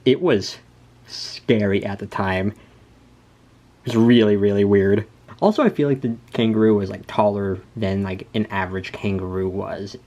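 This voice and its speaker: A man's voice: fairly low pitch, measured pace, mellow. A young man rambling casually in a hesitant, self-deprecating, nerdy way, now and then reading out notes. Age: young adult. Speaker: video creator. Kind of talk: casual rambling chat, reading out journal entries.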